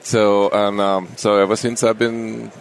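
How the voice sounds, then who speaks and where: A middle-aged man from Russia, speaking in a friendly, unhurried way as an anesthesiologist guest on an interview show. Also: lowish voice, level tone, gravelly, a little hiss or hum. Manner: unhurried, friendly, with small grammar slips. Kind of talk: casual interview conversation.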